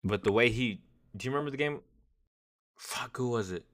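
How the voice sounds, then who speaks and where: Bright-voiced man rambling about football. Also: mid-range voice, brisk. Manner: rambling, restarts phrases, swears casually. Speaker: podcast co-host. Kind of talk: casual sports podcast chat.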